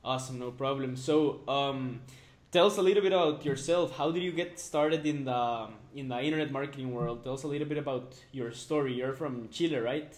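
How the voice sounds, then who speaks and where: A man's voice: mid-range voice, fairly quick. A man hosting an online interview, upbeat and encouraging as he asks about his guest's story. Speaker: host. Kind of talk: casual interview. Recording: roomy distant sound.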